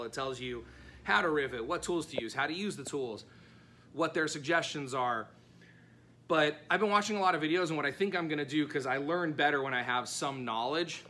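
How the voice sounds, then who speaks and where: A man's voice: mid-range voice, sharp tone, slight background noise. A man in his thirties talking casually to a handheld camera in his home garage workshop, candid and thinking aloud. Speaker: vlogger building a kit airplane. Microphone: handheld phone camera at arm's length.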